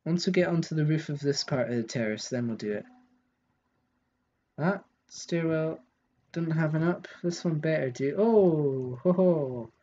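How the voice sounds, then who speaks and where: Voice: mid-range voice, measured pace, dark tone, breathy edge, highs cut off. A live streamer giving casual commentary while playing a game, thinking aloud and answering chat.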